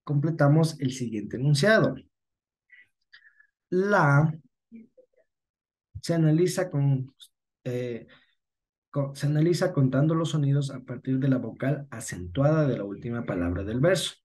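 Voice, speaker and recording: A man's voice: medium pitch, expressive, a little slow, pauses often, darkish tone. A man with an Ecuadorian Spanish accent, teaching a class patiently, often correcting himself and checking that students follow. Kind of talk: online class lesson.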